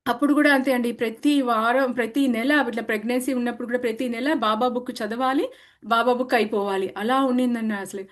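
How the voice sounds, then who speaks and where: A woman from India shares her own spiritual story in an earnest, conversational way. Her voice sits a little high, and she often breaks off mid-word to start again. She sprinkles English words through her talk. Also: fairly even intonation, fairly quick. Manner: earnest, full of restarts and cut-off words, mixes English words into Telugu. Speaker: meditation practitioner sharing her experience. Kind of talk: personal testimony, conversational.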